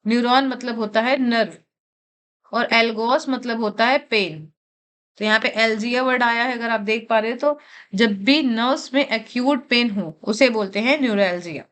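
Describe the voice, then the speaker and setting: Higher-pitched woman teaching vocabulary. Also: fairly bright tone. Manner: explains slowly, repeats key words, asks and answers own questions; mixes Hindi with English terms. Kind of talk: vocabulary lecture for exam prep.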